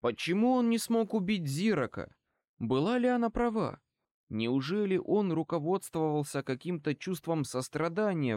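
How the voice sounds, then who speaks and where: A man's voice: on the high side, a little mellow, no echo, studio quality. Man reading an audiobook. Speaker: audiobook reader. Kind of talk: audiobook narration.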